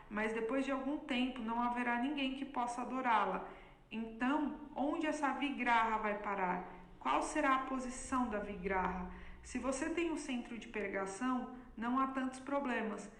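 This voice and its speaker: A woman with a slightly high voice reads a translated answer in a steady, explanatory tone. Her voice rings out in an echoey room. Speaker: reader of questions and answers. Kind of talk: reading a translated answer aloud.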